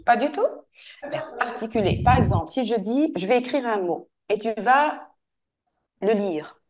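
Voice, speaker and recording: A woman's voice: a little high, lively intonation, a little mellow. Patient woman teaching French. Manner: patient, repeats and models words slowly. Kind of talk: online French lesson with a pupil.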